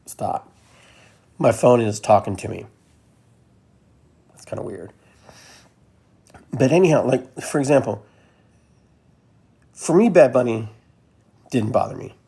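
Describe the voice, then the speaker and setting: Peruvian-born guy hosting a podcast solo, just riffing and repeating himself, dark mellow voice. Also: mid-range voice, animated, slow pace, creaky, pauses often, breathy edge. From Peru. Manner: rambling, conversational, repeats phrases. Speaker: podcast host. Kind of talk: casual monologue.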